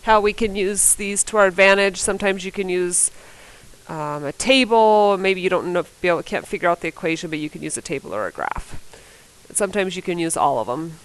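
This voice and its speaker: A woman's voice: on the low side, brisk, low-quality recording. Woman teacher with a cold, thinking aloud. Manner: casual, thinks aloud, self-correcting. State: fighting a cold. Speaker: math teacher. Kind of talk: recorded classroom lesson, working problems on a board.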